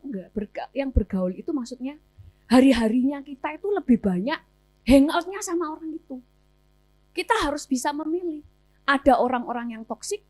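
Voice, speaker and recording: Animated Indonesian woman pastor preaching. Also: fairly high pitch. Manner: animated storytelling, acting out dialogue. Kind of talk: conference sermon with Q&A.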